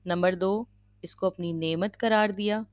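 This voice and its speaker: A woman giving a religious lecture, teaching in a measured way and checking in with her listeners. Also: mid-range voice, fairly even intonation, dry recording, highs cut off. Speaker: Islamic lecturer.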